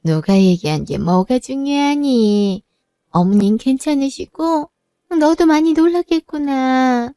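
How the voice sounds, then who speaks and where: A woman's voice: sits high, animated, slow pace, warm tone, smooth, dry recording, heavily acted. A woman voicing an older mother-in-law who speaks in a firm, motherly, scolding way. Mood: firm, caring. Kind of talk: narrated drama voice acting.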